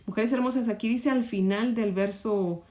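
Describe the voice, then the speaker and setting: A woman's voice: a little high, moderate pace. A woman hosting a devotional podcast, praying fervently and teaching from the Bible, with frequent repeated invocations. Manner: fervent, repeats "Señor" between phrases; prayer ends in a soft whisper.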